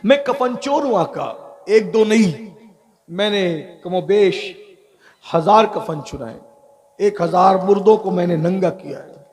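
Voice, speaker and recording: A man's voice: high voice, a little mellow. A man voicing a remorseful young male sinner who pleads and repeats his confession in a sermon story. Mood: confessing.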